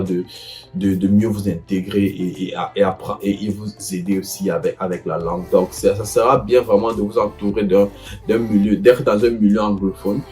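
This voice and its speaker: Hesitant low-voiced man with soft guitar behind. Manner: hesitant, many fillers and restarts. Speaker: vlogger giving advice to students. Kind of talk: casual advice talk.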